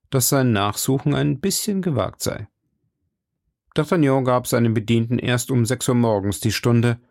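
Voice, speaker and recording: A man reading a classic novel aloud in steady, measured scripted narration. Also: medium pitch, gravelly, no room sound, studio quality. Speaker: audiobook narrator.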